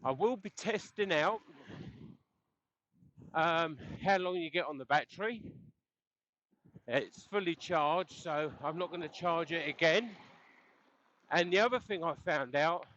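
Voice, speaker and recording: A man vlogs while cycling on the road outdoors, casually rambling and chuckling into a helmet intercom headset mic. He speaks a bit slowly with long pauses in a slightly high, somewhat bright voice. The recording has its highs cut off and slight background noise.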